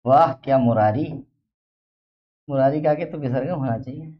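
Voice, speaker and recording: In a classroom grammar lesson, a male teacher keeps drilling his students with the same questions over and over. His voice sits in the mid range and moves at a moderate pace, captured on a dull, lo-fi recording.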